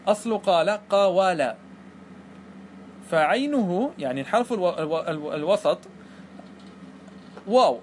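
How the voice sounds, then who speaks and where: A man's voice: high-pitched, a bit bright, slight background noise. A man teaching Arabic grammar, explaining a classical poem line by line, patient, repeating his points and checking that the students follow.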